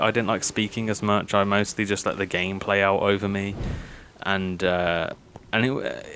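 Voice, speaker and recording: A young man from Birmingham, England, with a mild local accent and a lowish voice, gives casual gameplay commentary for his gaming YouTube channel. He chats self-consciously, laughing nervously and using lots of fillers, over a noisy background.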